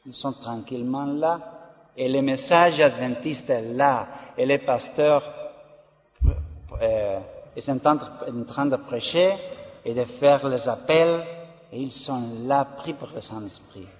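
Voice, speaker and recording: A male pastor with a foreign Spanish accent in French, preaching testimony and haltingly searching for words in broken French. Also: mid-range voice. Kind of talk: sermon-style testimony to a congregation. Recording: dull sound in a long-reverb hall.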